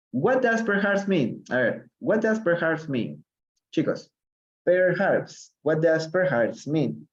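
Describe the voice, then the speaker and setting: Man, English teacher, live-stream reading lesson, very slow careful delivery, dull lo-fi sound. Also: a little high. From Peru. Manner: reads English lines slowly, then explains in Spanish.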